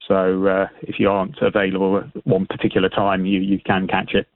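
A British man speaking as an expert guest in a radio interview, explaining informally in a hesitant, halting way with repeated words over a phone line. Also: deep voice, completely flat delivery, dry recording. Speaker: astronomy expert and event organiser, radio guest. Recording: band-limited tinny phone line.

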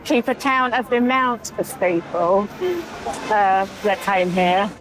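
A woman's voice: medium pitch, slow pace, crowd noise, rough recording. A woman resident speaking anxiously and earnestly in an outdoor street interview. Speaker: local resident at a march.

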